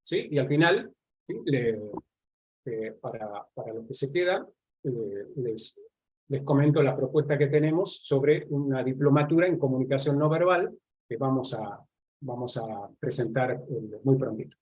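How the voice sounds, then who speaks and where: A man's voice: medium pitch, measured pace, darkish tone. A man with an Argentine accent gives a conversational online lecture, explaining points and checking in with his audience again and again. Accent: Argentine Spanish. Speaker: lecturer on nonverbal communication. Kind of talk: live online class lecture.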